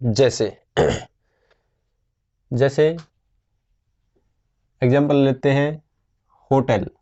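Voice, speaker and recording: Guy teaching grammar real slow, patient, keeps asking questions, mellow voice, kinda muffled lo-fi audio. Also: medium pitch. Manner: slow, patient explaining with frequent questions to students. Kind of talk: grammar lesson.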